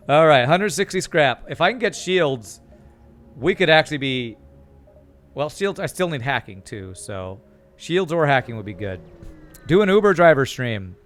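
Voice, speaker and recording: In a slightly high voice, unhurried and full of frequent pauses, a young Californian streamer with an American accent chats with his audience. He reads their comments aloud and answers while playing a game, with faint music behind.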